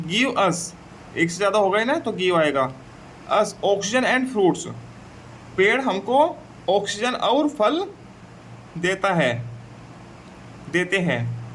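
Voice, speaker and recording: A man with a Hindi accent teaching an English textbook lesson, repeating "theek hai" and reading English sentences slowly before translating them. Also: sits high, fairly bright tone, slight background noise, low-quality recording. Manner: slow and repetitive, says "theek hai" often.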